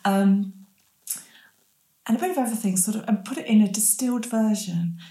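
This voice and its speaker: A woman with a mellow voice gives reflective, self-deprecating answers in an interview. Her Rs come out close to Ws. She talks thoughtfully, and the room adds noticeable echo. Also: medium pitch, fairly quick. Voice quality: says w for r, cannot pronounce R clearly. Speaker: interview guest, medical ethicist.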